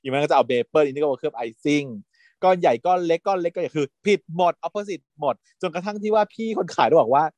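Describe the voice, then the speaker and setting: A man's voice: a little high, expressive, quick pace, darkish tone, no room sound. A man in casual chat who animatedly retells a TV series, laughing often and acting out quotes.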